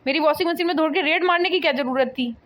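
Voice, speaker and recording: A woman's voice: sits high, quick pace, a bit bright, slight background noise. Nagging old mother-in-law. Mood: scolding. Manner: scolding, complaining. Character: nagging elderly mother-in-law, easily offended.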